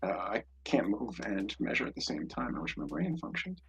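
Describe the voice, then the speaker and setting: Husky-voiced tabletop game player. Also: sits low, big pitch swings, moderate pace. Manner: thinking aloud, self-correcting. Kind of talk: casual tabletop game chat.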